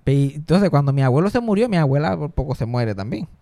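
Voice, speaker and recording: Comediante puertorriqueño animado y con voz ronca. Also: male voice, on the high side, fast, no room sound, studio quality. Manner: animated, switching into voices, mixing in English. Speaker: comedian, podcast co-host. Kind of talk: casual chat, comic storytelling.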